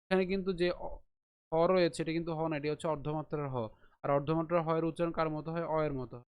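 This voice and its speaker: A man leads a pronunciation lesson, breaking chanted verses into syllables slowly. His voice sits a little high. The sound is dry and close. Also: steady tone, smooth, no room sound. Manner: slow, syllable-by-syllable demonstration, checking in often. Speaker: Gita recitation teacher.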